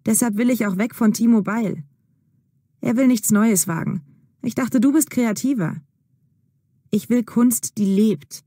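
A woman playing a proud male artist, firm and self-assured in every line. Mellow, even voice with a dry, close sound. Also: a little high, unhurried, long pauses, no echo, voice pushed up. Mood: determined. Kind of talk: acted dialogue in a learner audio drama.

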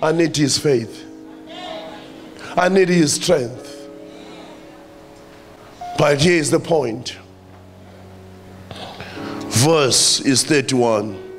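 A man's voice: fairly high pitch, very slow, pauses often, soft background music. A man with a South African accent preaching a sermon, addressing the church and repeating his phrases for emphasis.

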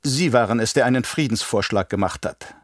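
A man's voice: mid-range voice, a little fast, slightly rough, no room sound, natural voice. Male reader as a sly, smug assassin advisor in an audiobook, taunting, dry close sound.

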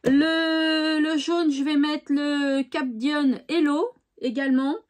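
A woman's voice: sits high, steady tone, takes it slowly, a little hiss or hum. A woman hosting a craft tutorial, chatting casually and thinking aloud with fillers. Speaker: craft channel host.

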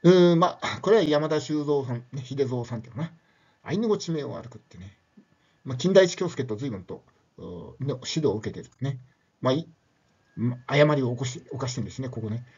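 A man's voice: mid-range voice, lively intonation, fairly quick, a little mellow, husky, muffled recording. An older man giving a casual spoken lecture, chatty and loose, with many tag questions and fillers.

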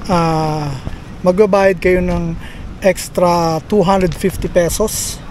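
A man in his thirties with a Filipino accent, chatting relaxed on a casual camping vlog tour, filmed at arm's length outdoors. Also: high voice, slow pace. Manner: relaxed, chatty, points things out while walking. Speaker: camping vlogger. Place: outdoors on a shady beach campsite, later inside a tent. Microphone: handheld camera at arm's length. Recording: clear wind noise on the mic.

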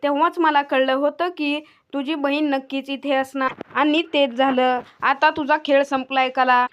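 A woman voicing a furious, suspicious young husband in a retold TV serial, read in a flat way. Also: high-pitched, moderate pace, a little hiss or hum, lightly acted. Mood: angry. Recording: dull lo-fi recording.

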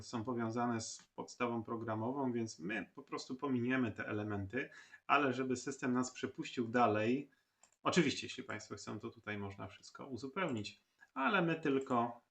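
A man with a gravelly, mid-range voice guides the listener through an online course setup. He speaks at an unhurried pace with frequent filler sounds, as in a recorded lecture tutorial. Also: mid-range voice, fairly bright tone. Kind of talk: screen-recorded platform tutorial.

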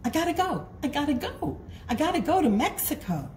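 A woman's voice: mid-range voice, big pitch swings, fairly quick, a little mellow, roomy sound, slight background noise, lightly acted. A woman voicing a tiny, determined female caterpillar bug who chants her lines in a singsong way while reading a storybook aloud. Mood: chanting.

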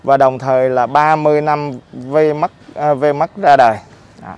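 A middle-aged man presents a casual motorcycle review outdoors, talking haltingly through a face mask. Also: a little high, steady tone, darkish tone, smooth, dull audio. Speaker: motorcycle dealer presenting on own channel. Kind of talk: casual vlog product review. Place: outdoors in a public park by a street.

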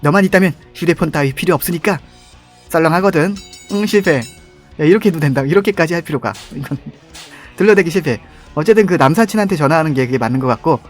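Man, young adult, game commentary, chatty, fairly high voice, soft music underneath. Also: quick pace. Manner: chatty, reads game lines aloud, laughs often. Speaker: gaming YouTuber.

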